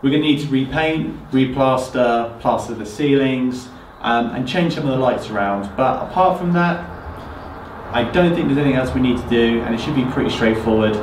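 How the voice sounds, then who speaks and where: A man's voice: mid-range voice, moderate pace, a little hiss or hum. UK man in his thirties, casual renovation vlogger, roomy echo, mic a little distant. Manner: relaxed, thinking aloud with many ums. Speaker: property renovator. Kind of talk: casual walkthrough vlog. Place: empty house, bare indoor rooms. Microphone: camera mic at a distance. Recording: echoey empty rooms, slightly distant mic.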